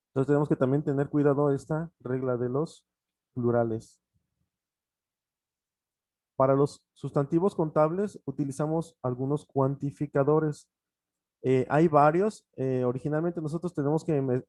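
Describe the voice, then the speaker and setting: Mellow-voiced man teaching English grammar. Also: medium pitch, no echo. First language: Spanish. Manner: explains step by step, repeats examples, frequent fillers. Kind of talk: online grammar lesson.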